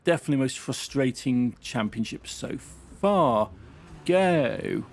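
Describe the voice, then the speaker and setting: A man's voice: medium pitch, lively intonation, slow pace, creaky, slight background noise. Man muttering through a racing game. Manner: chatty, muttering running commentary on a race. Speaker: gaming channel host. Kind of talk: casual game commentary.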